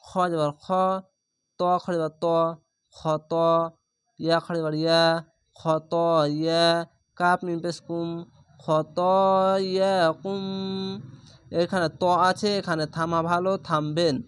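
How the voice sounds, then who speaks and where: A man's voice: on the high side, level tone, a bit bright, smooth, dry recording. A man teaching Quran reading, patiently spelling out each syllable letter by letter and explaining the rules as he goes. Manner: spells out syllables slowly and methodically.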